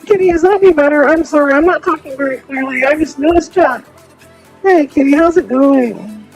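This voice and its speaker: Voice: high-pitched, fairly quick, soft background music, poor audio. A VTuber streamer talking through a voice changer filter, chatting casually with viewers while gaming and often trailing off mid-sentence.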